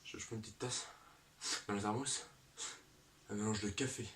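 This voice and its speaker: A man with a low voice spins an absurd comic story, rambling and correcting himself as he goes. He drops in spoken sound effects. He sits at a distance from the mic, and clear noise runs behind him. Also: fairly even intonation, normal speed, a bit bright.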